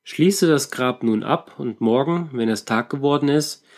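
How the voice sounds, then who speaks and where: A man reading a storybook, voicing a bold young man who speaks up loudly. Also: medium pitch, measured pace, close to an everyday voice. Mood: firm. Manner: raised, blustering when annoyed.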